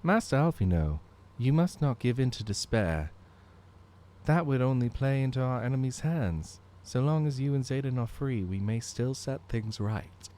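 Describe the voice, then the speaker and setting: Brief: a man voicing a loyal, commanding old marshal, formal and animated. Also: mid-range voice, normal speed, pitched above the performer's own voice, lightly acted. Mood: resolute.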